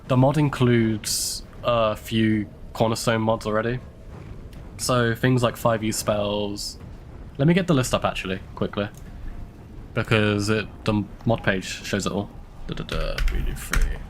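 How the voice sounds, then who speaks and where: Stuffy with a cold, a young British man with a London accent chats through a live game stream. His fairly low voice moves at a measured pace, with a little hiss or hum in the recording, and he's talkative, laughing often and thinking aloud.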